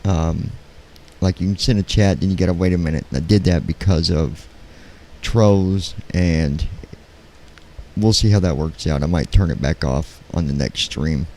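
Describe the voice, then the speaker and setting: A man live-streaming in casual, halting talk, keeping his voice quiet at night so as not to wake anyone. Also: deep voice, slight background noise. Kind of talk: casual chat, flight sim livestream. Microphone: handheld studio microphone.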